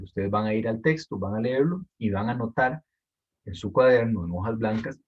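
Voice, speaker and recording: A man explains an assignment to his students in a patient, step-by-step way and repeats the key points. His voice is husky and sits fairly low. The audio sounds dull and lo-fi, like a computer microphone. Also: a little mellow. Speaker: teacher.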